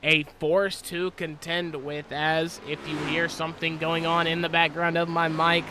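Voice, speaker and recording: A man calling a sim racing broadcast from home, apologetic and quick to correct himself on air. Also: a little high, monotone, background noise. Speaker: sim racing play-by-play commentator. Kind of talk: live race commentary. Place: home, helicopters overhead.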